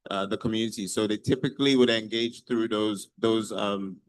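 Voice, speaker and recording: A man's voice: fairly low pitch, fairly even intonation, normal speed, slight background noise. A man with a Nigerian Yoruba accent giving a considered answer as a panelist in a discussion.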